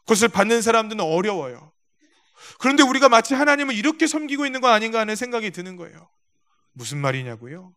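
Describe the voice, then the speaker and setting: A man's voice: high voice, very animated, quick pace, fairly bright tone. A male pastor preaching a sermon in a church, telling stories, acting out quotes and speaking directly to the congregation. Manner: storytelling with acted-out quotes. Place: church sanctuary.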